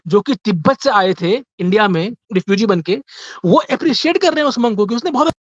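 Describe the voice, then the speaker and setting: A man's voice: sits high, lively intonation, a little fast, no echo. Man cutting in over dull call audio. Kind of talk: heated live debate.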